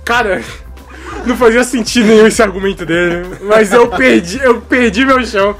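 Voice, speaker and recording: A man in casual chat, telling childhood school stories with animated energy and frequent laughter. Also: sits high, fairly quick, music in the background.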